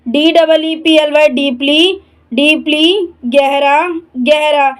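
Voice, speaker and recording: Teacher read: woman, high voice, very slow and deliberate, spells out each word before repeating it. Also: flat delivery, poor audio. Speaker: English vocabulary teacher. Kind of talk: spelling and translating word lesson.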